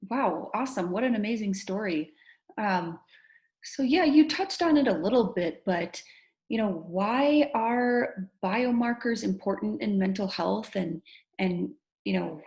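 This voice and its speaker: An upbeat woman hosts an interview at an ordinary pitch. She introduces her guest and asks her questions with enthusiasm. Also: unhurried, a little mellow. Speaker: host. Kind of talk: conference interview.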